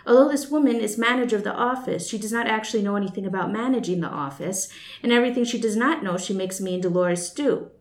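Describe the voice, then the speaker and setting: A woman's voice: medium pitch, fast. A woman reading her own first-person fiction aloud in a wry, blunt, conversational way. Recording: echoey room.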